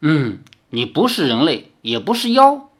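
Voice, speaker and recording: A reader voicing an arrogant, towering male demon emperor in an audiobook, talking in a loud, haughty way. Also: very animated, unhurried. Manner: loud, haughty, booming laugh. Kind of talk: dramatic audiobook character voice.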